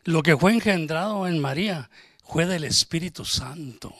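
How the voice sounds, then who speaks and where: A man's voice: fairly high pitch, moderate pace, dry recording. A man preaching a sermon, emphatic, asking rhetorical questions and acting out conversations.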